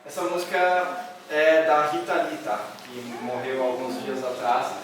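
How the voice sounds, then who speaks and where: Male instructor, loud and rambling, heard from afar in a very echoey hall. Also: a little high, a little slow. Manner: loud, nearly shouting, with many fillers and restarts. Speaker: music workshop instructor. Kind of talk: workshop explanation to students. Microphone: camera from a distance. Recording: echoey hall recorded from far off.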